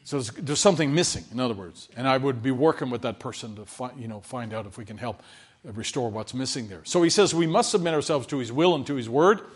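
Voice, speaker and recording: A man preaching a sermon in a conversational way, often checking in with his listeners and swinging between loud emphasis and quiet asides. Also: mid-range voice, fast talker, breathy edge.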